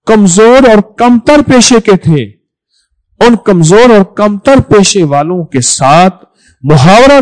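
The preacher's voice sits high as he gives a religious sermon, repeating phrases for emphasis while alternating loud stresses with soft drops. Audio quality is poor.

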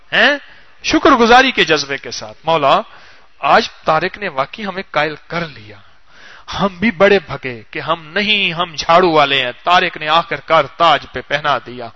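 A man preaching, telling parables with animation and coaxing his listeners with questions, then leading a gathering in remembrance of God. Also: high voice. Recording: dull dry recording.

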